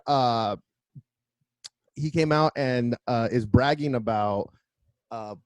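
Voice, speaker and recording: A man's voice: mid-range voice, no echo, rough recording. A man co-hosting a comedy podcast, telling a long profane story and acting out the people in it. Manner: profane, animated, acts out quoted voices. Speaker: podcast co-host.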